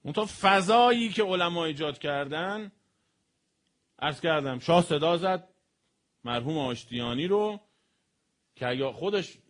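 Animated man preaching, higher-pitched voice. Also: long pauses. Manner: animated storytelling with sudden loud and soft swings. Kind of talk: historical sermon to an audience.

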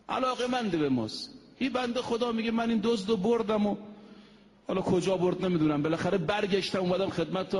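A high-pitched male preacher delivers a sermon in a mosque. He declaims his points and slows down to intone Arabic quotations. The voice rings out with a long hall reverb.

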